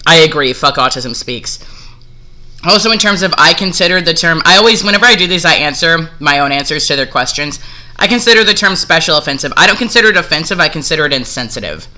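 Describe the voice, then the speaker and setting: A man's voice: on the high side, animated, quick pace, pushed and bright. A man streaming casual commentary as he reacts to a video, talking bluntly and swearing freely, with some hesitant fillers.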